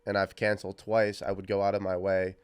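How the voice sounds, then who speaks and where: Young male co-host with a low voice, a bit congested from a cold, easygoing, talks earnestly and jokes now and then. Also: completely flat delivery, brisk, clear, resonant tone. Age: 20s. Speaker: podcast co-host. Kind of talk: casual chat.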